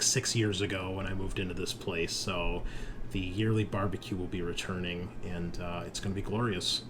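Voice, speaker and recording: A man with a low voice hosts a tabletop roleplaying show as its game master, chatting casually and informally with some swearing, in the style of a relaxed podcast conversation. Background noise can be heard.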